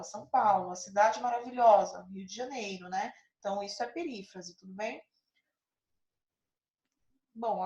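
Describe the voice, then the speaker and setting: Woman teacher, patient lesson explaining, higher voice, roomy echo. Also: highs cut off. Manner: patient, checks in with frequent tag questions.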